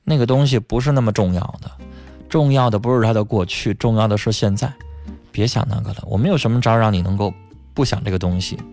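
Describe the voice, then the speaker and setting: A man's voice: fairly low pitch, fast, darkish tone, soft background music. A man hosting a radio call-in advice show, bluntly scolding and lecturing callers. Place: radio studio.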